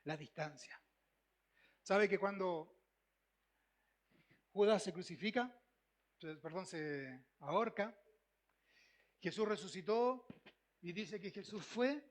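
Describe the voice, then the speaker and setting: Un pastor con acento chileno que predica con énfasis, repitiendo frases y haciendo preguntas a la congregación. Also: male voice, high voice. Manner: emphatic, repeats phrases, asks the congregation questions. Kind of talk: sermon.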